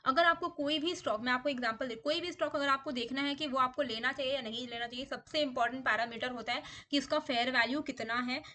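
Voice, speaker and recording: Bright high-voiced Indian woman explaining. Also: fast, hardly any pauses. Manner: explanatory, mixes Hindi and English, guiding step by step. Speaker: stock market YouTuber. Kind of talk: screen-share tutorial walkthrough.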